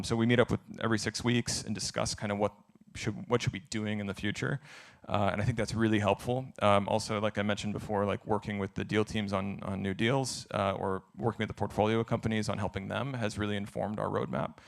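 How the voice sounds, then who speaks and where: A man's voice: lowish voice, little pitch movement, brisk, vocal fry. A man answering audience questions at a conference, candid and thinking aloud as he talks. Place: conference event.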